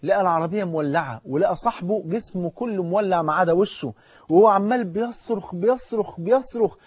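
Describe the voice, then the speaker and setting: A man's voice: high voice, a little fast, no echo, highs cut off. A man with an Egyptian Arabic accent preaching a sermon, fervently urging the listener directly.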